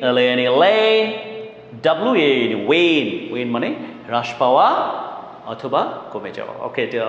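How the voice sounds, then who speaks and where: A man teaching a spoken English lesson, drilling translated phrases and stressing key words loudly. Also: medium pitch. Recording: echoey room with long reverb.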